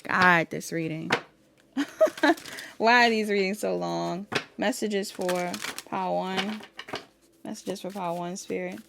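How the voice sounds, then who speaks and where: A woman's voice: medium pitch, slow, creaky, pauses often, noisy background. A woman giving a casual pick-a-card tarot reading, chatting to viewers and reading guidebook text aloud. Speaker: tarot reader.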